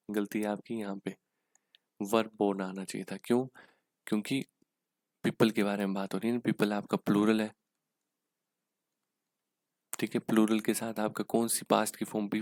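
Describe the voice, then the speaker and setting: Indian man, English exam tutor, monotone delivery, low pitch. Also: vocal fry, no room sound. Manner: explains in Hindi with English terms, frequent "ठीक है". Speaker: English teacher. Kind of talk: exam-prep lesson.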